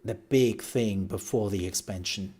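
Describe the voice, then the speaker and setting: A male streamer chats through a live reaction stream in an unhurried, meandering way. He thinks aloud and circles back over his own phrases in a lowish voice. His voice sounds worn from hours of talking. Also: warm tone, breathy edge.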